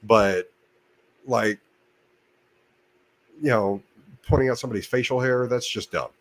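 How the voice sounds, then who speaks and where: A man's voice: medium pitch, unhurried. A man hosting his own channel, talking casually on a livestream in a rambling way with many restarts and fillers. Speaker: channel host. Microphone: desk mic by a computer monitor.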